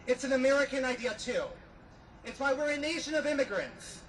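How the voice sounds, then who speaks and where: A young man delivers a podium speech in a very high, raised voice. He is deliberate and declamatory, stressing his points firmly over clear background noise. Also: fairly bright tone, poor audio. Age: young adult. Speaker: student speaker at a rally.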